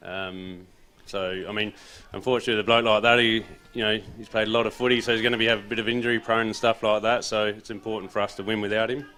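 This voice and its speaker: Speaking fast in a low-leaning voice, this Australian-accented man is an assistant footy coach being interviewed. He's relaxed and a bit rambling, and he remarks that his voice is loud.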